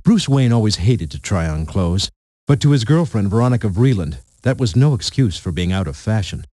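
Guy reading a storybook, low voice that bounces all over, playful, dry sound. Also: big pitch swings, normal speed, warm tone, no echo. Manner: playful, punning storyteller delivery. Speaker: narrator. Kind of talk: scripted storybook narration.

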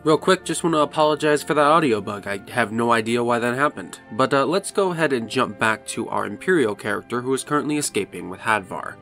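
A man's voice: medium pitch, animated, quick pace, hardly any pauses, fairly bright tone, soft background music. A man narrating a game walkthrough in a casual, explanatory way. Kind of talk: casual gameplay commentary.

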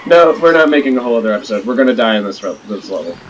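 A man's voice: medium pitch, racing, lo-fi sound. A young man with a scratchy voice from being sick, rambling and joking as he hosts a casual game stream. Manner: rambling, jokey, bursts of excitement. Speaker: gaming channel host. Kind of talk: casual let's-play chat. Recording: distant mic with loud music behind.

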